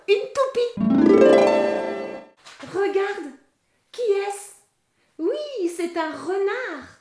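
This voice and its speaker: A woman hosting a children's show, telling a story in a slow, sing-song way and speaking directly to a young child. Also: extremely high pitch, echoey room.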